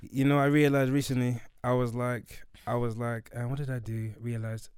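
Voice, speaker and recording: Male podcast co-host, twenties, London accent. Clean smooth tone, dry sound, slangy casual chat. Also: mid-range voice, flat delivery, moderate pace, a little mellow, no room sound. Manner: informal, slangy.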